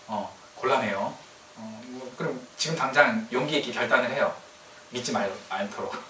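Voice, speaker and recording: A man's voice: medium pitch, moderate pace, bright, forceful tone, a little hiss or hum. A man preaching a casual sermon, teasing the congregation and asking them questions. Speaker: pastor. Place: church sanctuary. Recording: echoey church hall from a distance.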